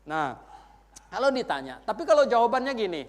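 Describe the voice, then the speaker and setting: A man preaching in a lively, storytelling way, chuckling often and acting out the dialogues he recounts. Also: extremely high pitch, brisk. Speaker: pastor and teacher. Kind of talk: storytelling sermon.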